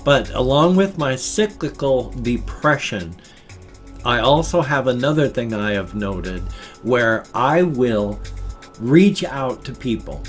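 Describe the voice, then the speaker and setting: Older man talking around loose dentures. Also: medium pitch. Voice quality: slightly slurred speech around ill-fitting loose dentures. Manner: halting, repeats and corrects words. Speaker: vlogger. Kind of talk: casual personal monologue to camera.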